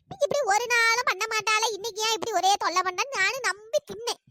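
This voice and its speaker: A woman voicing a scheming, gossiping old village woman in a comic skit, with a shrill, chattering manner. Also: fast talker. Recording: noisy home recording.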